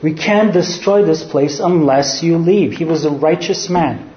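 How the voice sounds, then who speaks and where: At a measured pace, a Serbian man with a somewhat high voice and Serbian accent delivers a sermon, earnestly teaching through rhetorical questions he answers himself. The sound is roomy and lo-fi.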